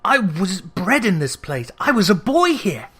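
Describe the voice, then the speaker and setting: A man's voice: sits high, sing-song, measured pace, fairly bright tone, slightly rough, exaggerated voice. A man voicing an uneasy old man in a storybook reading, timid and formal in his manner. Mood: amazed. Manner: formal, questioning.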